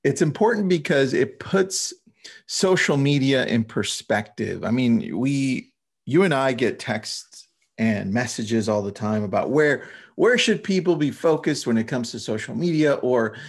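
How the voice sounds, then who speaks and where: Guy cohosting a podcast, creaky fry in his voice, informal and punchy chat. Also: mid-range voice, animated, unhurried. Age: 30s or older. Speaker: podcast co-host.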